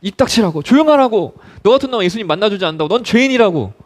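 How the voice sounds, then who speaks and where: A pastor voicing a contemptuous crowd that shouts down a beggar with scornful orders to be quiet. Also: male voice, high-pitched, animated, very fast. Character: harsh scolding crowd of men, contemptuous.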